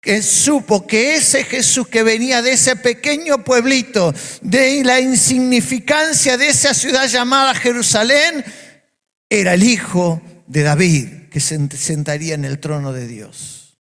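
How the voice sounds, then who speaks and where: A man's voice: very high-pitched, measured pace, fairly bright tone, big-room sound. A man with an Argentine accent, preaching a sermon as a pastor, emphatic and full of repeated phrases. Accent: Argentine Spanish. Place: church.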